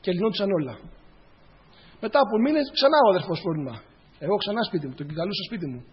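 A man's voice: sits high, big pitch swings, slightly rough, highs cut off. A man preaching a sermon, addressing the congregation as brothers, telling personal stories and repeating phrases for emphasis.

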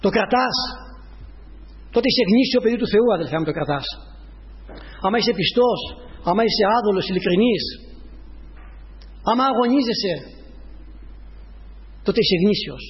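A man's voice: high-pitched, pauses often. A man preaching a sermon, repeating his points and rising to emphatic peaks as he addresses the congregation as brothers. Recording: dull lo-fi recording with long reverb.

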